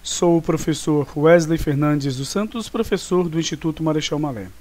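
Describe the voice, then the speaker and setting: A man's voice: on the high side, normal speed, a little mellow. A male teacher talking through exercises in a recorded online class, casual and chatty, often checking in with his students. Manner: casual, chatty, with many fillers and check-ins.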